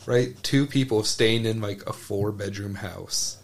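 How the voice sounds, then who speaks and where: A man on a podcast panel, chatting casually about a movie with brief, deadpan interjections. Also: fairly low pitch, measured pace, creaky. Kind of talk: casual movie-review chat.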